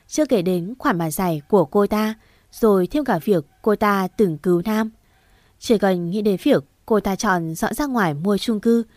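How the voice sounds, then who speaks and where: A woman narrating a romance novel in the first person, in a calm, even storytelling manner. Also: medium pitch, no room sound, studio quality. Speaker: audiobook narrator.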